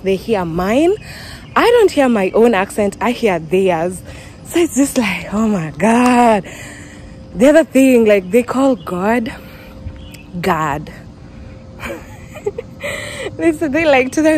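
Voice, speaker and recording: A woman's voice: fairly high pitch, darkish tone, a little hiss or hum. A young woman with a Kenyan accent chatting casually to her phone camera outdoors, laughing often and joking about herself. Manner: chatty, laughs often, self-mocking asides. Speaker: vlogger. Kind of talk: casual vlog chat to camera. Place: outdoors, walking around town.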